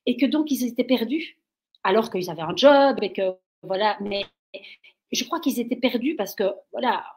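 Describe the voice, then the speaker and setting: A Belgian woman, appearing as an interview guest, tells stories in an animated way, bursting with energy and getting carried away as she goes. Her voice sits a little high, slightly rough, at a normal speed.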